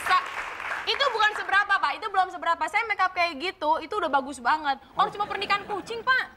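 High-voiced woman whining in a comedy studio. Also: fast, a crowd in the background, noisy background. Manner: whiny complaining girlfriend act, ends lines with "Pak". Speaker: guest in comic sketch. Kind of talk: improvised comic role-play.

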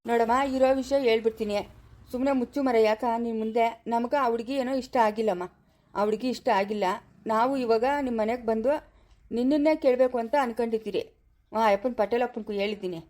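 A bossy old village grandfather, voiced by a woman, in an amateur family drama. He talks in blunt, scolding rural Chikkaballapura Kannada, quick and dismissive, pitched lower than her usual voice. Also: fairly even intonation, mellow, lightly acted. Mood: gruff, dismissive.

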